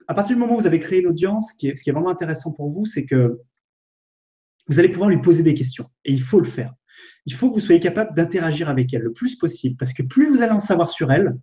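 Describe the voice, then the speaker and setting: Remote male guest on speakerphone, somewhat high-pitched, talks through a dull call line, patient explainer. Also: mellow. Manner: explanatory, repeats key points. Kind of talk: giving marketing advice on a live stream.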